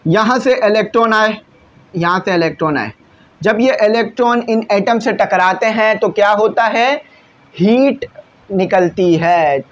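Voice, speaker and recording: A man, a physics teacher giving a lecture, explaining with everyday examples and often checking that students follow. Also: high voice. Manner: reads English textbook lines slowly and deliberately. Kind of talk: classroom lecture on video.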